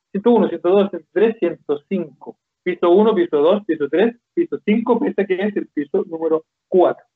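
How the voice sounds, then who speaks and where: A Chilean man with a fairly high voice teaches Japanese counting in a relaxed, chatty way. He slows down to sound out each foreign word with care. The audio is thin and tinny, like a phone line. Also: breathy edge. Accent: Chilean Spanish. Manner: explains slowly, spells out Japanese words with careful pauses. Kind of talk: casual online language lesson.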